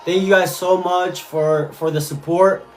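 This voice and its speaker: Soft music plays behind a man from Cuba whose high voice stays steady and a little slow. On his live stream he reads the chat aloud, responds to viewers in a casual way, and tends to say things more than once.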